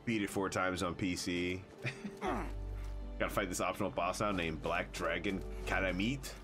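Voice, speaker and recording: Deep-voiced man streaming games. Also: moderate pace, over music. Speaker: game streamer. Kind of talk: casual live-stream chat. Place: indoor room at a gaming desk.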